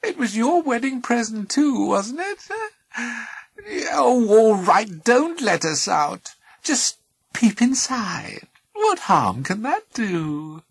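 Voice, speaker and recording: A tiny creature locked in a chest, its voice high and purring. It stretches every word slowly, coaxing and sweet with a slightly husky edge. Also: male voice, sing-song, no echo, heavily acted. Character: small purring wheedling creature trapped in a chest.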